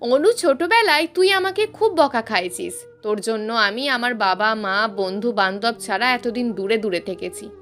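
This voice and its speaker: A woman's voice: fairly high pitch, fairly bright tone. A woman voicing a bitter young man. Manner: bitter and curt. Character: angry young man back from abroad.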